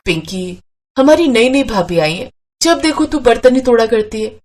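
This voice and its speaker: A woman's voice: fairly high pitch, lively intonation, normal speed, darkish tone, close to an everyday voice. A woman voicing a mild-mannered young twin sister in a storybook, sweet but scolding. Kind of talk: storybook character voice.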